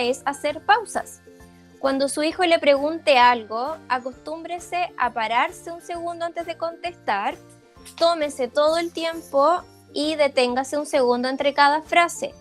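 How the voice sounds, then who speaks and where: Speaking in a high-pitched voice, a woman leads a parent workshop much like a speech therapist would. She explains through an informal lecture over slides, using frequent fillers and checking in quickly with listeners.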